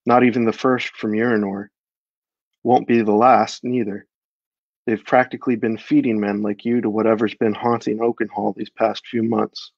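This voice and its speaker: A man's voice: lowish voice, flat delivery, normal speed, gravelly, a little mellow, dry recording. A man reading aloud, voicing a weary, grumbling man in a tavern in his own voice, recorded on a dull, dry mic.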